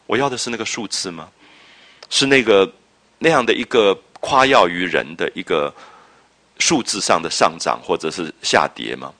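A man with a low but forceful voice lectures on a classic novel, his pitch rising and falling in a lively way. He explains in a drawn-out, reflective manner and keeps asking his listeners whether they follow. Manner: explanatory, checks understanding with rhetorical questions; drawn-out, reflective phrasing with frequent interjections. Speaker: literature lecturer.

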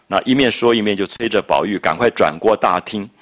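A man lecturing on a classic novel, retelling scenes and explaining old phrases in a chatty, lively way. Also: on the low side, brisk. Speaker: literature lecturer. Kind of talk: storytelling literature lecture.

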